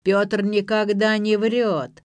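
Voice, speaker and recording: A woman voicing a stubborn, drunken middle-aged father in an audiobook, slow and insistent. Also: mid-range voice, level tone, smooth, voice pushed up, natural voice.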